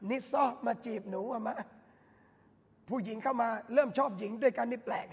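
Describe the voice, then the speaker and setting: A man, a religious lecturer, giving a lively talk at a mosque event and bantering with the audience through direct questions. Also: extremely high pitch, moderate pace, vocal fry, slightly rough. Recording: long hall reverb from a mosque.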